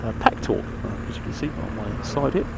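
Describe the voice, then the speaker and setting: An animated man with a fairly low, creaky voice reviews gear at a moderate pace while riding. The motorcycle vlog is casual and rambling but matter-of-fact, recorded through a helmet mic full of engine and traffic noise outdoors.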